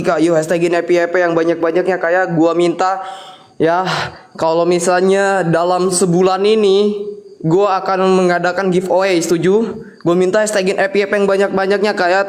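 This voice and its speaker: A man hosting a live paranormal vlog, talking in a repetitive, imploring and slangy way. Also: high voice. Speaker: live stream host, ghost hunter. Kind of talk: live paranormal expedition vlog, summoning chants and viewer chat.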